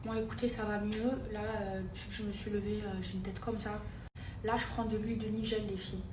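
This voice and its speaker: A woman's voice: mid-range voice, level tone, fairly quick, roomy sound, far from the mic, background noise. A young woman, chatting casually to her followers in a home vlog, with lots of fillers. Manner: chatty, addresses viewers as "les filles", many fillers. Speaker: social media personality. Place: at home, indoors.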